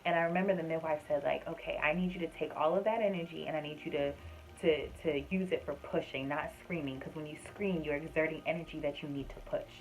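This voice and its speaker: A woman's voice: sits low, steady tone, fast talker, soft background music, poor audio. A young woman casually recounting a personal story to her viewers, chatty, with frequent fillers and addressing them as "y'all". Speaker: vlogger sharing her birth story.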